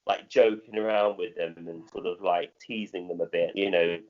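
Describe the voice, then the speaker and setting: A middle-aged man with a modern British accent answers interview questions conversationally as a theatre director, haltingly, often repeating and rephrasing himself. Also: low-pitched, fairly even intonation, darkish tone, highs cut off.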